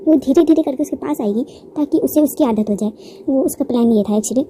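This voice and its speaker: A woman's voice: high voice, mellow, a little hiss or hum. A woman narrating a manga recap in a chatty storytelling way, laughing now and then.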